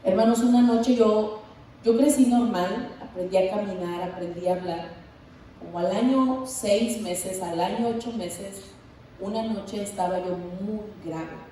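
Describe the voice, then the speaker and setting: A woman evangelist with a Mexican Spanish accent telling her testimony in a dramatic sermon, building up to shouts. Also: medium pitch, a little slow, a little hiss or hum. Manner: dramatic storytelling, rising to shouts. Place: large church hall. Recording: echoey church hall, far from mic.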